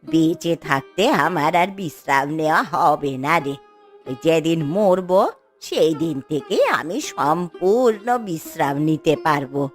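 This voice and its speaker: A woman's voice: low-pitched, unhurried, faint music behind. A woman voicing a fretful old village grandmother in a cartoon, scolding and grumbling. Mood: weary grumbling. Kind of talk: cartoon voice acting.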